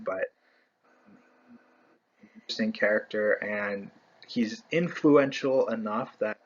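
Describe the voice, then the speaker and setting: A man's voice: fairly low pitch, highs cut off. A man hosting a casual fan video, rambling through a ranked list with many fillers and self-corrections. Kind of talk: casual ranking commentary.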